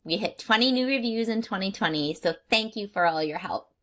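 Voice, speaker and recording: A woman's voice: mid-range voice, expressive, brisk, sharp tone, dry recording, rough recording. A woman podcast host with a Minnesotan accent, upbeat and chatty, laughing easily as she interviews a guest.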